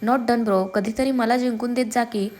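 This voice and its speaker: A jealous, playful young twin brother who whines and teases, his complaints half joking. A woman reads him in a slightly high voice, close to her own. He drops casual English slang between sentences. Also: steady tone, measured pace, darkish tone, close to an everyday voice. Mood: teasing.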